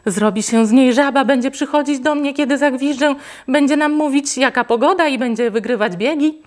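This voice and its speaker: A woman's voice: high voice, a little fast, voice pushed up, natural voice. A woman reading aloud and voicing an eager little boy pleading for his pet in a storybook.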